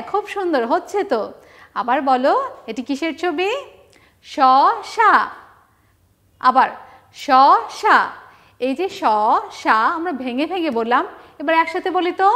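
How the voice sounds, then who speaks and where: A woman with a Bangladeshi Bengali accent teaching a first-grade alphabet lesson, stretching words slowly and prompting children to repeat after her. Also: very high-pitched, a bit bright. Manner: slow, stretched call-and-response drilling of words; encouraging, sing-song prompting of children. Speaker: primary school teacher.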